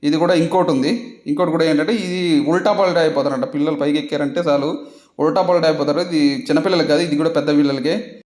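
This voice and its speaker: A man's voice: a little high, fairly even intonation, quick pace, darkish tone. A man vlogger chatting casually in a voice-over, laughing often and repeating himself. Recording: roomy echo.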